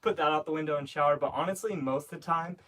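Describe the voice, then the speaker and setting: A man's voice: on the high side, fast, a bit bright, far from the mic, rough recording. A young man in his twenties chatting casually and upbeat as a guest on a live stream. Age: 20s. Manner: chatty, upbeat, laughs easily. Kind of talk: casual chat.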